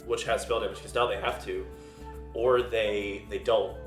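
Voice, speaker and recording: A man's voice: on the low side, fairly even intonation, moderate pace. A congested man with a nasal voice, casting a live card-game tournament in a chatty way full of fillers. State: under the weather, congested. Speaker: tournament caster. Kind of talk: live esports commentary. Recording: echoey room with game music behind.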